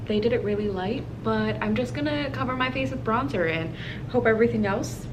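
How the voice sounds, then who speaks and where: Doing her makeup at home in her apartment, a young Hawaiian-American vlogger talks casually to camera and muses aloud. She speaks somewhat quickly in a highish voice, and there's obvious noise in the home recording.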